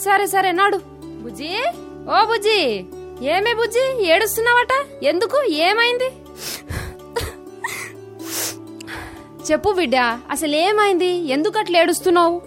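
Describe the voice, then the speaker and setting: A caring middle-aged village aunt , voiced by a woman, speaking in a Telangana accent in a radio drama. She questions gently and explains patiently in a high, motherly voice, over faint background music. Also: animated, a little fast. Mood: coaxing. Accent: Telangana Telugu. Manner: warm, coaxing, motherly questioning.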